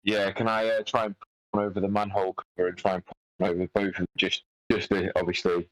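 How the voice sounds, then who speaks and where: A man's voice: sits low, little pitch movement, quick pace, dry recording, rough recording. A man playing a tabletop game on a headset, asking questions hesitantly and stumbling over his words. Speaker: player.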